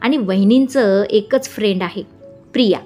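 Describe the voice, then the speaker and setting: A busy young male boss with a short fuse, answering in clipped phrases, read by a woman telling the story. His lines are a touch higher than her narration, with faint music underneath. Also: moderate pace, dark tone, natural voice. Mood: curt.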